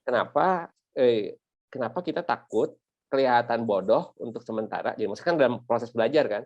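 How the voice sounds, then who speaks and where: A man's voice: mid-range voice, animated, a little fast, a little mellow, dry recording, muffled recording. A man hosting a casual chat, telling a story in a chatty way and acting out quoted asides. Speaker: host.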